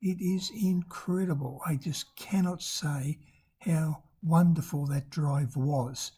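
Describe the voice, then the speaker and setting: Thin, squeaky, husky travel vlogger's voice, sex ambiguous. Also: steady tone, takes it slowly, mellow. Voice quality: thin, squeaky, husky voice from damaged vocal cords. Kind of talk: unscripted travel narration.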